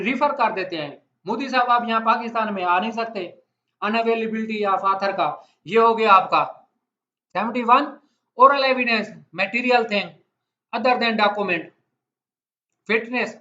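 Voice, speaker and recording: This Pakistani-accented man speaks at an extremely high pitch, a little slowly, with a pushed, bright tone and slight background noise. His law lecture is explanatory and conversational, built on everyday examples and questions to the audience, recorded in an echoey room with dull, lo-fi audio.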